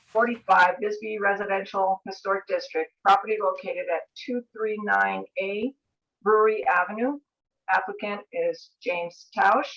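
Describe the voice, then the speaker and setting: An American woman runs a formal civic board meeting, reading procedure and items aloud. Her voice sits at a middling pitch. The sound is dull and lo-fi, picked up by a meeting room mic. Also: fairly bright tone. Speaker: board chair running a public meeting.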